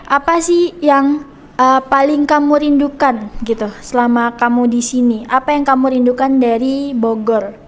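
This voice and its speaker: Brief: young female podcast host, high voice, chatty, lots of little fillers. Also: measured pace. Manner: chatty, friendly prompting with many hmm and nih fillers. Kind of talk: casual podcast interview.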